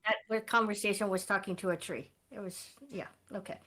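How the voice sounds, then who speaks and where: A woman's voice: mid-range voice, steady tone, fairly quick, a bit bright. A woman playing in a tabletop game, polite and hesitant, with many fillers. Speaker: player. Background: faint background music.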